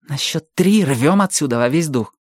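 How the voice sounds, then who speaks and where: A man voicing a fierce, impulsive teenage girl in an audiobook, with a high, sharp, insistent delivery. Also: animated, moderate pace, slightly rough, no room sound, studio quality. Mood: urgent.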